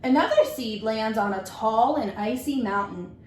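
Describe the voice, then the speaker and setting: A woman teacher with a voice on the high side reads a children's picture book aloud at normal speed, animated and simple, asking questions of her young listeners. The room is echoey, with faint background noise.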